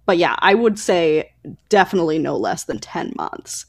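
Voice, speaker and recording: Her voice sits fairly low and sounds creaky and husky, delivered at a moderate pace. She's a podcast host having an informal, aside-filled conversation about books.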